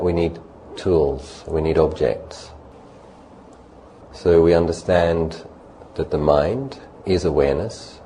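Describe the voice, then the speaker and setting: Leading a guided meditation, a man speaks in a very low, gently soft-edged voice. His phrases are short, calm and unhurried, with long pauses between them, and there's faint ambient sound in the background. He is a meditation teacher.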